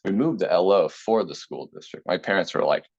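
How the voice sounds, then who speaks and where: A man's voice: deep voice, a little fast, breathy edge. A man in his thirties, originally from Taiwan, talking casually and at length as an interview guest, with many fillers. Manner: relaxed, rambling, many fillers. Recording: slightly dull lo-fi sound.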